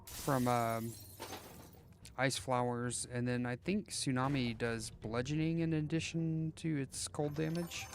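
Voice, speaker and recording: A man chatting casually while live-streaming a game, rambling and joking as he thinks aloud, often restarting his sentences. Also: medium pitch.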